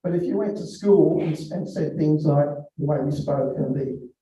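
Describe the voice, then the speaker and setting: An older man from England telling rambling standup stories about his school days, halting with many restarts. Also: on the high side, dark tone. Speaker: comedian. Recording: distant, dull, very echoey room.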